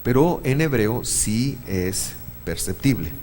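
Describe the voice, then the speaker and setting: A man's voice: mid-range voice, expressive, slow, darkish tone, big-room sound, soft background music. A man teaching a church Bible class, explaining step by step and quizzing his listeners. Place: church meeting room.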